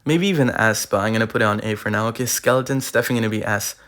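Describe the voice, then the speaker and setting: A young man giving casual, slangy gaming commentary while ranking cards, full of fillers, his voice going a bit hoarse, recorded on a tablet. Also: fairly low pitch, racing, fairly bright tone. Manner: rambling, slangy, filler-heavy. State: losing his voice. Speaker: gaming YouTuber. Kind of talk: casual tier-list commentary. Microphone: iPad recording.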